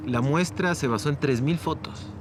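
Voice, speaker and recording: A man's voice: fairly high pitch, moderate pace, over music. A man with an Ecuadorian Spanish accent, explaining in an academic way as a curator in a documentary interview.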